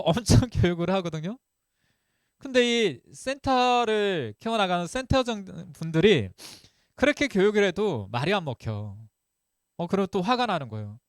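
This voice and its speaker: A man delivers a motivational seminar with a bright, fairly high voice. His pitch leaps up and down as he acts out remarks he once made. The sound is dry and close, with no room echo. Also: clear, resonant tone. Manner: animated, acts out his own past remarks in quotes. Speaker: group leader giving a talk.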